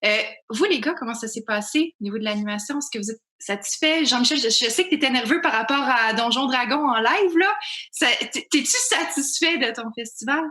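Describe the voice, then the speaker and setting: Quebec lady hosting live, bright high voice, roomy echo, chatty. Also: animated, a little fast. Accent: Quebec French. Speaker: host. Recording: echoey room.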